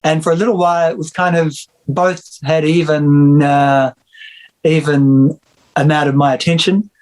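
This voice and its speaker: A middle-aged Victorian musician and music teacher chats as a guest in a video-call interview, and the audio quality is poor. He has an Australian accent and a voice pitched a bit high for a man. His talk is loose and relaxed, full of "uh" pauses, fillers and sentences he reworks midway.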